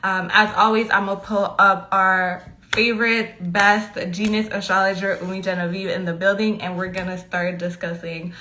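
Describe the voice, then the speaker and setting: A woman hosting a casual livestream chat over a video call, animated and slangy, laughing often. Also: mid-range voice, moderate pace, slight background noise. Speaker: host.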